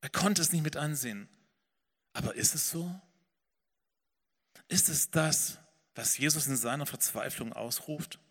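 A man preaching a sermon as pastor, earnest and swelling then dropping soft. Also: fairly high pitch, measured pace, pauses often, long reverb tail. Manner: earnest preaching, rising and falling in intensity.

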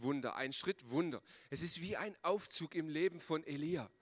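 A man's voice: on the high side, bright, forceful tone. A man preaching a sermon, telling a story in a colloquial, emphatic way and speaking directly to his listeners. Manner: addresses the audience directly.

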